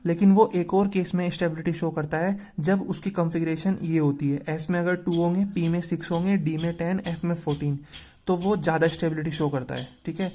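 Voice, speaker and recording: A man's voice: a little high, fairly even intonation, a little fast, mellow, a little hiss or hum. A man teaching a chemistry lesson, asking questions and answering them himself.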